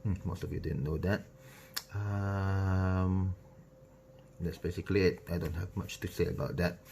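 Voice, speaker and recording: A man's voice: low voice, little pitch movement, unhurried, gravelly, darkish tone, slight background noise. A Filipino man in his twenties, casually introducing himself to his viewers with many fillers and self-corrections. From Philippines. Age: 20s. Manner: rambling, hesitant, frequent fillers and self-corrections. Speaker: nurse vlogger.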